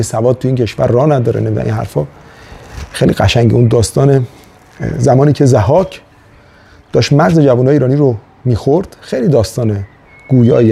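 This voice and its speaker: A man's voice: mid-range voice, gravelly, dark tone, husky. A middle-aged man from Iran, a professor, giving an earnest, exhorting motivational monologue to students, telling stories as he goes.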